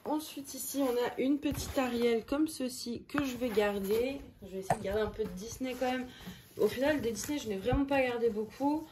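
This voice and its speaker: A woman's voice: on the high side, normal speed. Chatty woman vlogger, noisy room. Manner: chatty, self-deprecating, thinking aloud. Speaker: crafting vlogger. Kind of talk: casual chat. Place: at home.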